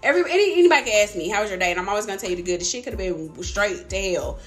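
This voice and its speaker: A woman co-hosting a podcast talks bluntly and swears without a second thought. Her pitch swings widely as she makes her points, and faint music sits behind her. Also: racing. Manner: blunt, animated, swears freely. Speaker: podcast co-host. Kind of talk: casual chat.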